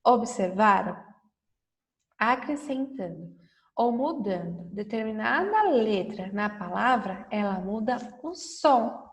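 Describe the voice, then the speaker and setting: A woman teacher correcting a lesson for first graders, talking slowly and patiently, stretching out words and often checking understanding. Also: mid-range voice, expressive, in a large hall, recorded from a distance. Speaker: primary school teacher.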